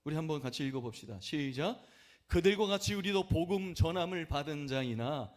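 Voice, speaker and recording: Male pastor, sermon, call-and-response questions, builds to loud high exhortation, church sanctuary. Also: lively intonation, brisk. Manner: asks the congregation questions and answers them himself.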